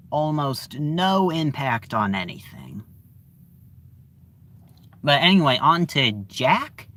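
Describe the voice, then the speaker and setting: Slow, halting young-sounding male reviewer. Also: a little high, a bit bright. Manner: halting, searching for words, many fillers. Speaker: TV series reviewer. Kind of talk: casual spoken review.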